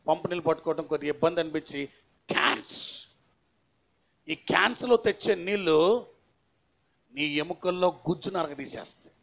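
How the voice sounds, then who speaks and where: Gravelly higher-voiced male preacher. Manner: emphatic preaching, quizzing the congregation; swings between raised declaiming and low conversational asides. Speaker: pastor. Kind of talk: sermon.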